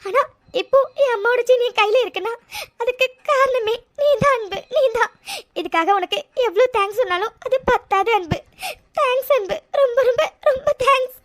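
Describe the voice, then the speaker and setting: A woman's voice: very high voice, fast talker. A woman voicing a sincere young woman in a cartoon, tearful and pleading, often repeating her words. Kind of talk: cartoon voice acting.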